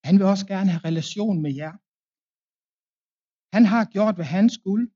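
Danish guy giving a sermon, warm low tone, lots of ums, kinda dull lo-fi sound. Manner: plain storytelling with many fillers and restarts. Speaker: preacher at a confirmation service.

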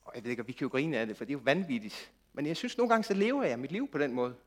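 A man preaching a sermon, moving from quiet, intimate passages to loud, impassioned outbursts. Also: medium pitch. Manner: animated, swings from quiet intimacy to loud shouting.

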